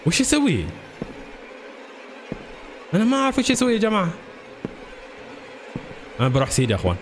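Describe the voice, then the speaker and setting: A man commentating a horror game let's-play, excitable and jumpy, constantly calling out to his viewers. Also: sits high, fast, slight background noise. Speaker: gaming channel host.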